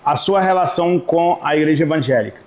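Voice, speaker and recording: A man hosts a podcast in a loose, slangy, chatty way. His voice is on the higher side for a man, and the room adds plenty of echo. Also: brisk, slight background noise. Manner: relaxed, chatty slang-filled questioning. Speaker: podcast host. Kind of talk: casual podcast interview.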